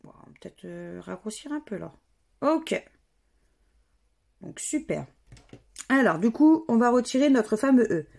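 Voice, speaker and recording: A woman's voice: on the high side, animated, unhurried, creaky, long pauses, darkish tone. A woman, casually commenting as she scratches lottery tickets and spells out letters and words one by one. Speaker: scratch-card vlogger.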